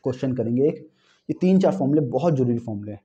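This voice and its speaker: Man, math teacher, lively pitch, very dark mellow voice, repetitive coaching. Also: very fast, highs cut off. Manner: animated, repeats key phrases, addresses students as bhai. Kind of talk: exam-prep math lecture.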